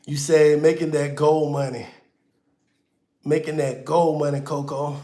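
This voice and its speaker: A man's voice: a little high, level tone, a little slow, mellow, echoey room. A man hosting a casual livestream, talking loosely and slangy straight to his viewers, with auto-tune on his voice. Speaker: livestream host.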